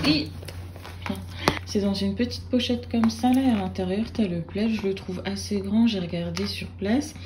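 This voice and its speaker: A woman's voice: mid-range voice, background noise. A young woman casually chatting in a vlog, showing purchases and unboxing a bag, hesitant and full of fillers. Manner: chatty and hesitant, with many fillers and little interjections. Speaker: vlogger. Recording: roomy sound with music behind.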